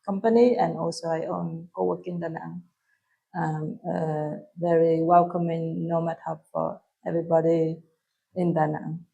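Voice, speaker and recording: Soft-spoken Vietnamese woman in her thirties. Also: deep voice, steady tone, unhurried, vocal fry, lo-fi sound, slight background noise. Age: 30s. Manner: soft-spoken, hesitant with frequent ums. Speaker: guest. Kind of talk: casual interview answers.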